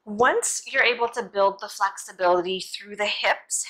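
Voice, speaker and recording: Bright-voiced young woman giving casual instruction. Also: medium pitch, moderate pace, rough recording. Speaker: prenatal yoga instructor.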